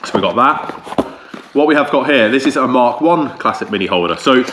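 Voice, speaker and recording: A man's voice: mid-range voice, lively intonation, fairly quick. A man chatting casually to camera, explaining things in an informal, rambling way. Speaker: car restoration vlogger, presenter. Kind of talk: casual vlog talk to camera. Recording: roomy echo, faint background noise.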